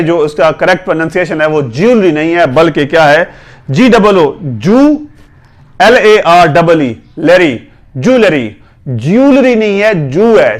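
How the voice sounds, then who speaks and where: A young man teaching pronunciation, with a voice set a little higher than most men's. He spells each word out letter by letter and repeats it slowly and patiently, correcting the usual mistakes. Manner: patient, corrective, often says "theek hai". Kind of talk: instructional video lesson.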